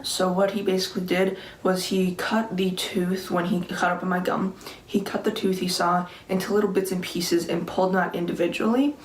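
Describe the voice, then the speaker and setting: Chatty teenage woman in an echoey room. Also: on the low side. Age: late teens. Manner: rambling, conversational, peppered with "like". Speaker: vlogger. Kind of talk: casual personal storytime to camera. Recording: echoey room with faint background noise.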